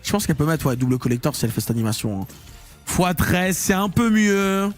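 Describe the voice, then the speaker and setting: A man commentating his live slot-machine stream, slangy and excitable, swinging between low muttering and loud hype. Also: fast talker, soft background music. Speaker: online casino streamer.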